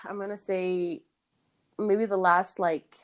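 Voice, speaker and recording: A woman's voice: mid-range voice, little pitch movement, slow pace. A young woman co-hosting a podcast, talking candidly and with lots of laughter, restarts and fillers. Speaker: podcast co-host. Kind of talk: casual chat.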